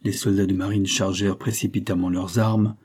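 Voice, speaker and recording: A man narrating an audiobook of a classic novel in a measured, dramatic way. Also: low voice, level tone, darkish tone, husky.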